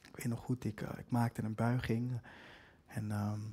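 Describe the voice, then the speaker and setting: A man's voice: mid-range voice, level tone, normal speed, warm tone, husky. Brief: young male spoken-word performer, hesitant and wry personal storytelling. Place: live stage with an audience.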